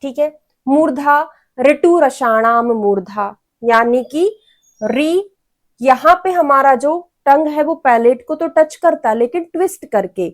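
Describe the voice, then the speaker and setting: A woman's voice: high-pitched, lively intonation, takes it slowly. A woman teacher giving an exam-prep lecture. She explains patiently, sounds out each syllable and has students repeat after her. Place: teaching room with a board.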